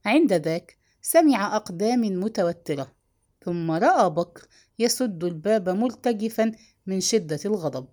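A woman narrating a novel in a measured, expressive storytelling manner. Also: medium pitch. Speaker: audiobook narrator.

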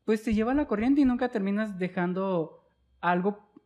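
A woman's voice: mid-range voice, normal speed, a little mellow. Earnest woman guest giving motivational advice. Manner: earnest, motivational, long flowing explanations. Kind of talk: reflective conversational talk.

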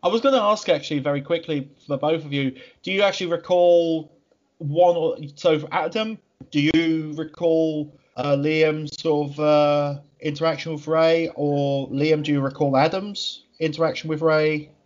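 A man's voice: fairly high pitch, steady tone, moderate pace, a little mellow. Hesitant British man, muffled audio. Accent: British English. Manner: loose, hesitant questions full of asides. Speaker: podcast host. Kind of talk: casual chat.

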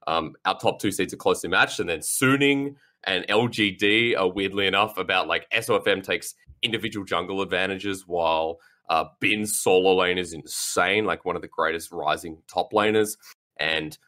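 Low, forceful man rambling as an analyst. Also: normal speed. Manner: rambling, filler-heavy, apologizes for ranting. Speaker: esports analyst on a panel. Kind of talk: casual panel chat.

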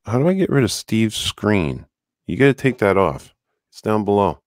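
A man with a deep voice hosting a podcast in casual, profane, drawling banter into a studio microphone. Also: big pitch swings, normal speed, dry recording. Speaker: podcast host.

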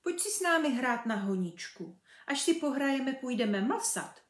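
Woman reader putting on a small teasing girl: high, bright, coaxing, roomy echo. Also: very animated. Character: cheerful little girl with a bow, teasing. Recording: echoey room.

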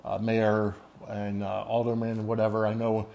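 An American man hosting a podcast, talking unscripted on his own in a rambling, halting way, often searching for his words. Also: lowish voice, completely flat delivery, creaky, warm tone. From United States. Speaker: podcast host. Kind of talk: unscripted solo podcast monologue.

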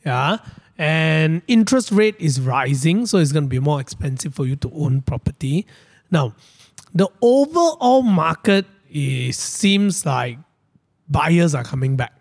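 Higher-pitched Malaysian man, colloquial English. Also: sing-song, measured pace, gravelly. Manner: colloquial Malaysian English with lah and lor particles. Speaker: co-host reading audience questions. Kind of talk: casual market chat.

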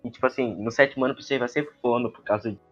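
A man's voice: mid-range voice, steady tone, very fast, a bit bright. A young man rambles through a story on a podcast, packing it with fillers. The sound is muffled and lo-fi, with faint music in the background. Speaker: podcast co-host. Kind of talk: casual podcast chat.

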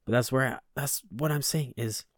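A man's voice: mid-range voice, moderate pace, no echo, studio quality. A man hosting a solo podcast, talking bluntly and with profanity as he rants about self-responsibility. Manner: blunt and profane, ranting with rising frustration. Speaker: podcast host. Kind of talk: casual solo podcast monologue.

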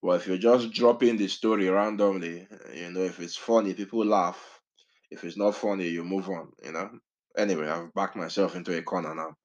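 Low-voiced man teaching the Bible. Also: fairly even intonation, normal speed, highs cut off. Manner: conversational, self-correcting, digressive.

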